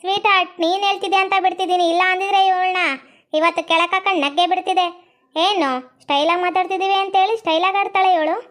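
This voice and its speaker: A woman's voice: very high-pitched, steady tone, fast, a bit bright. A woman voicing a whiny, melodramatic young bride. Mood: threatening. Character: young new bride Sweety, whiny and dramatic.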